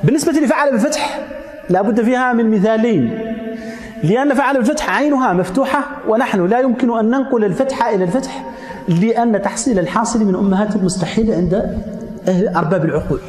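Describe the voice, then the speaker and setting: High-voiced man teaching in an echoey hall. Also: fast talker, darkish tone. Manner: explains step by step, checks understanding with questions. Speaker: teacher of Arabic grammar. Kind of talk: classroom lecture.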